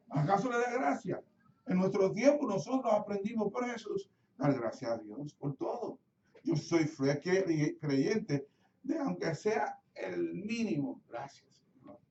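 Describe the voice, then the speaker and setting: A man's voice: sits high, big pitch swings, slow, dark tone. A middle-aged man with a Puerto Rican accent preaching a sermon as pastor, telling stories and acting out his own prayers. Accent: Puerto Rican Spanish. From Puerto Rico. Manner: storytelling, acts out his own prayers, asks the congregation questions. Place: church sanctuary. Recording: roomy church sound from a distant mic, slightly dull.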